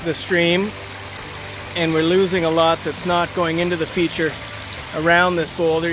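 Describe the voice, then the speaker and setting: Man pointing out leaks outdoors, monotone. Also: on the high side, background noise. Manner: plain, practical, thinking aloud as he points things out. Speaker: water feature installer. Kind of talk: walkthrough narration while inspecting. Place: outdoors by a backyard stream. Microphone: handheld phone camera.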